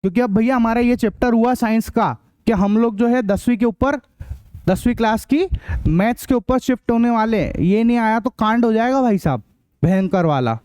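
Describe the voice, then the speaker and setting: A man teaching a math class, drilling rules and quizzing students with quick questions, sometimes blunt and scolding. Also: very high-pitched, a little mellow, clean tone, no room sound. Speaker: math tutor. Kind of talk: online class lecture.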